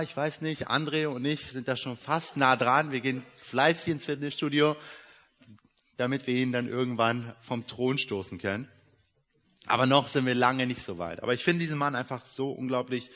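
A man's voice: medium pitch, fairly bright tone. A young man from Iran, raised in Germany, preaching a sermon in a casual, joking way, with many fillers. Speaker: guest preacher. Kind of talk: sermon with personal introduction.

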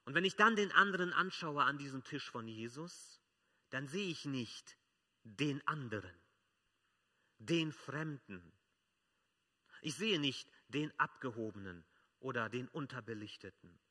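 A man preaching a sermon as pastor, emphatic, swelling loud and dropping soft. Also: mid-range voice, lively intonation, unhurried, long pauses.

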